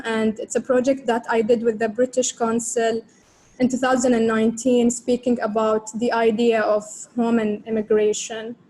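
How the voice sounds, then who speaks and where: A woman photographer talks through her pictures on a video-call panel, pausing and hesitating often. Her voice is mellow and a little high. Faint ambient noise sits behind her. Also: rough recording. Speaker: photographer, co-editor.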